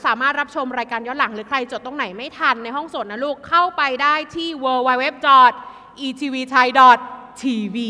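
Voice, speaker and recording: Woman, exam tutor, lively chatty delivery, bright voice, long reverb. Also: high voice. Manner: lively, chatty, talks to students as kids.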